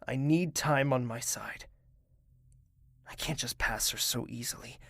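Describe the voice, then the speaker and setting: In an audio drama inner monologue, a performer voices a troubled young royal woman torn between trust and doubt, sounding anxious, self-doubting and conflicted. The voice is mid-range, unhurried, gravelly and fairly bright, recorded dry in studio quality.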